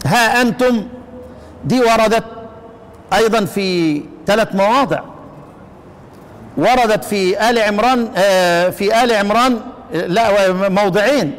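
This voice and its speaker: A man with an Egyptian accent teaches a lesson. He asks the class questions, answers them himself, and chants the verses slowly. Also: sits high, big-room sound. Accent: Egyptian Arabic. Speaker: Quran recitation teacher. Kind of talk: classroom lesson explaining a text.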